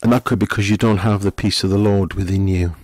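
A middle-aged male pastor with a fairly low voice, preaching in a gentle, questioning, conversational way. He is recorded up close in a dry space with no room echo. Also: fairly even intonation, fast talker. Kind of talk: sermon.

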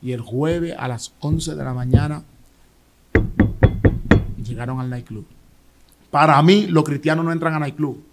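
A man with a Dominican accent giving an emotional personal testimony as an interview guest, telling his story in an animated way with restarts and repeated words. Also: a little high, measured pace, long pauses, soft background music. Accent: Dominican Spanish.

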